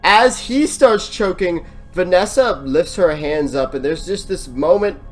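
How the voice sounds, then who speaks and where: Game master for a tabletop session, loose and rambling, curses freely, restarts sentences often, mid-pitched. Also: lively intonation, measured pace, music in the background. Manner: rambling, swearing, frequent restarts.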